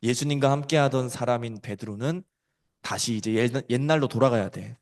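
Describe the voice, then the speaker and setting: A man preaching a storytelling sermon to children, animated and swinging between loud and soft. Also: mid-range voice, fairly quick.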